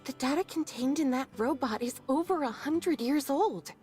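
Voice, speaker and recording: A woman voicing a polite, precise squad member in a game who gently scolds her teammates. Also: sits high, normal speed, soft background music, lightly acted. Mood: earnest. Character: proper, scolding young woman on a team. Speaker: game character. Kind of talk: game voice acting.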